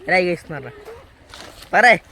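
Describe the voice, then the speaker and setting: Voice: mid-range voice, animated, moderate pace, gravelly, pushed and bright. A vlogger, casually narrating an outing to viewers and mixing English words into the talk. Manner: mixes English words into Malayalam. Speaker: vlogger hosting a travel vlog. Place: outdoors at tourist spots and park. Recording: noisy outdoor recording with crowd and traffic sounds.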